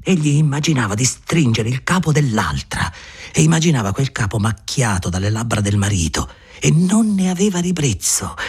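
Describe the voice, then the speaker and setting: A man reading a literary novel aloud in a very husky, breathy voice. His pitch moves in a lively way, and the reading is dramatic and expressive. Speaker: narrator. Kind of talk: literary audiobook narration.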